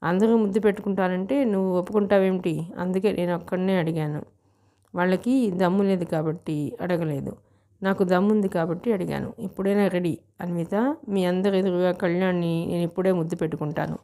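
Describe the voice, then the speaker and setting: A woman voicing a boastful, drunk young man who talks loudly and slowly, as in an audiobook reading. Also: high voice, steady tone. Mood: drunk, rowdy. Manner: loud, slurred and slow.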